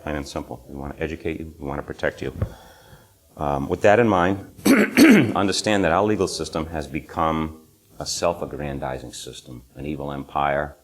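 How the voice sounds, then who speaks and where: Deep-voiced New England man presenting. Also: moderate pace. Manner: emphatic, repeats phrases, clears throat often. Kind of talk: informal seminar presentation. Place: small conference room with live audience.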